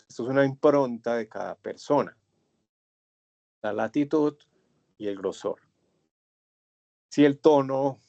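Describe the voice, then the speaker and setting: A male instructor with a Colombian accent, giving an online class lecture in a measured, drawn-out way and stressing key words. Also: lowish voice, creaky, darkish tone, no echo. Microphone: computer mic on a web conference. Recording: dull, dry web conference audio.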